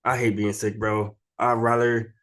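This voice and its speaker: This man's voice is lowish, level in tone, unhurried and a bit bright. Sick with a cold, he offers loose, unscripted chart commentary for his trading videos, using slang and frequently tacking "right?" onto what he says.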